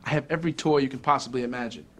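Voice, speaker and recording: A man's voice: mid-range voice, rapid-fire, a little hiss or hum. A man delivering a boastful, cocky monologue as film dialogue.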